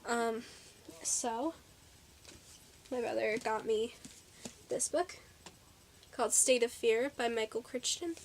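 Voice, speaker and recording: A woman's voice: fairly high pitch, takes it slowly, pauses often, slight background noise. A teenage girl chatting in a casual haul vlog, bubbly and a little out of breath, with lots of ums and likes. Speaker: vlogger.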